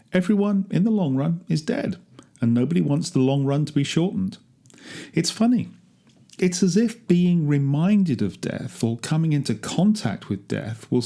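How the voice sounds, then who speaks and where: In a gravelly, warm voice pushed up to the high side, a man reads a first-person monologue. He voices a chatty, wry gardener who grumbles among ancient tombs with dark humor.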